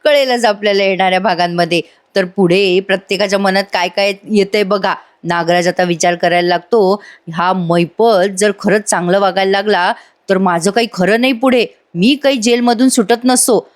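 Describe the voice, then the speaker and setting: A woman's voice: mid-range voice, fairly even intonation, moderate pace. Chatty woman narrating a TV review. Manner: chatty, addresses viewers directly. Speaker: TV serial reviewer. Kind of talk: voice-over episode review.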